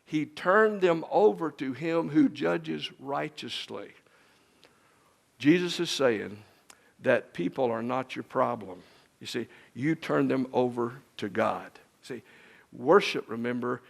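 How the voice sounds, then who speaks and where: A middle-aged man preaching a sermon in a church, telling lively stories and acting out dialogue. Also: mid-range voice, vocal fry. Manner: animated storyteller who acts out dialogue. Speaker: guest preacher. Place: church sanctuary.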